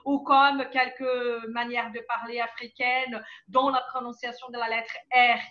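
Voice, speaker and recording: A woman's voice: fairly high pitch, little pitch movement, measured pace, sharp tone. A woman professor talking earnestly on a video call panel about teaching. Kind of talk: video call round-table talk. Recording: dull lo-fi video call audio.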